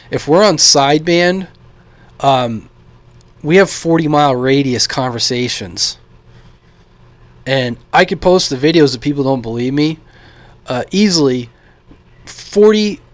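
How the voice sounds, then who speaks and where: In a dry recording, an American man with a fairly high voice vlogs casually about radio as a hobbyist. He's blunt and opinionated, rambling in an informal way.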